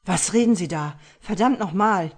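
A panicked man, voiced by a woman reading a thriller audiobook, his voice cracking high and loud. He shouts in shrill hysteria. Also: lively intonation, moderate pace. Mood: hysterical. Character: panicked man finding his murdered lover.

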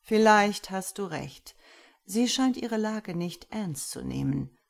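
A woman's voice: mid-range voice, expressive, slow, creaky. A woman voicing a smug, calculating man.

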